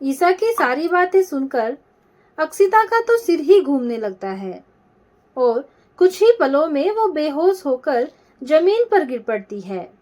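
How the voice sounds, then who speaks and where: Woman storyteller, high voice, animated, slow, dramatic. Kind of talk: scripted story narration.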